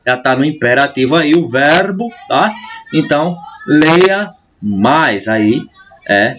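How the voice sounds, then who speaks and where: A man's voice: mid-range voice, animated, unhurried, highs cut off, noisy background. A teacher with a Brazilian Portuguese accent giving a classroom grammar lesson over slides. He keeps checking in with the class and answers his own questions. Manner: checks in constantly with "tá?" and "né?"; asks questions then answers them himself.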